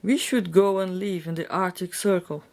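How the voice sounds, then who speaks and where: A woman's voice: fairly low pitch, fairly even intonation, normal speed, creaky, darkish tone. A woman voicing a blustering, alarmed storybook father with hammy stage delivery. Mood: resigned.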